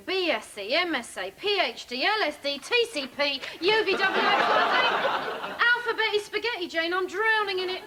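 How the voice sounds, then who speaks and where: A woman's voice: extremely high pitch, heavily acted. An actress playing a brash, blunt woman TV producer who is hungry for drama and theatrical in delivery. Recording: sitcom audio, loud audience and noise.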